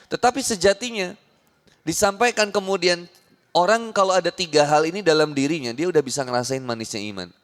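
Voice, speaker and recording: A fairly high-voiced male preacher with a Sundanese accent, giving a lively sermon in a big hall. His voice rings out with a long reverb. He jokes and acts out small scenes along the way. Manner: animated, jokey, acts out little scenes in different voices. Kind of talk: lively sermon to a women's audience.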